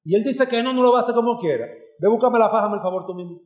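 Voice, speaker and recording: A man's voice: high voice, racing, darkish tone, roomy sound. A man preaching a sermon as pastor, earnest and direct, speaking to his congregation as brothers and sisters. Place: church hall.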